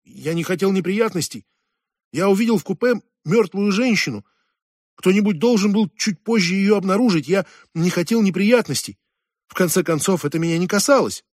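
A man's voice: sits high, lively intonation, a little mellow, dry recording, clean studio sound. A man voicing a nervous young man who answers evasively and defensively in an audiobook. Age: young adult. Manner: evasive, defensive, explains haltingly.

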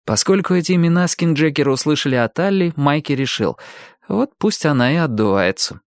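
A man reading a novel aloud as an audiobook, with an expressive delivery. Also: on the high side, a little fast, no echo, studio quality. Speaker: audiobook narrator. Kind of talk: scripted audiobook narration.

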